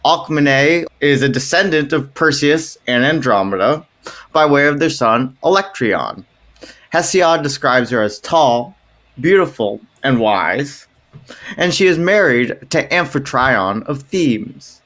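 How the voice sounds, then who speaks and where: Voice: mid-range voice, animated, takes it slowly, a bit bright. A podcast co-host retelling myths in casual chat, playful and jokey with wry asides.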